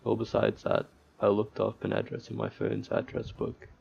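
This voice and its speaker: Very animated yet at a normal pace, a gaming video host comments casually with a fairly low, gravelly, husky, darkish voice. Slightly dull lo-fi audio captures him reading game text aloud, sometimes stumbling, with mock-despairing asides.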